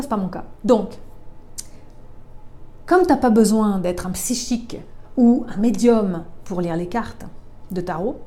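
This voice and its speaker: A woman's voice: medium pitch, dark tone. A woman, a tarot reader chatting informally to the viewer in a casual explanatory video.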